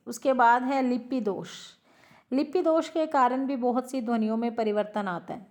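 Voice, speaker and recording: A woman teacher giving a lecture, who explains slowly, repeats each example word and asks her class questions. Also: a little high.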